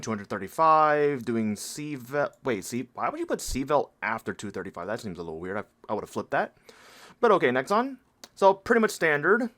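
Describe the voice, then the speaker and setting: Sick guy with a nasal stuffed-up voice, walking thru game stuff, thinks out loud and corrects himself a lot. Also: mid-range voice. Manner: rambling, self-correcting, thinking aloud. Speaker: game guide creator. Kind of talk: casual game walkthrough commentary.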